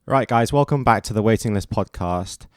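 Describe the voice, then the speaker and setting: Male podcast host; very low voice, relaxed interviewer, dry close mic. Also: moderate pace, clear, resonant tone, no echo. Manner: relaxed, friendly, asks short probing questions. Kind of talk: casual interview.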